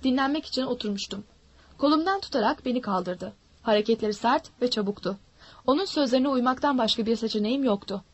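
A woman narrating a story in a steady, dramatic reading. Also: fairly high pitch, fast, no echo.

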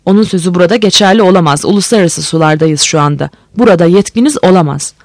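A reader voicing a male ship owner who speaks calmly with dry irony. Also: mid-range voice, fast, dry recording, lightly acted. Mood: cool.

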